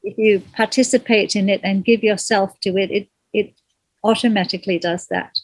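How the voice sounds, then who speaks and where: A middle-aged woman from Malaysia, a singer being interviewed, speaking gently and thoughtfully and pausing to find her words. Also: mid-range voice, fairly even intonation, dry recording, low-quality recording. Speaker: guest, kirtan singer. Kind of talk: reflective interview conversation.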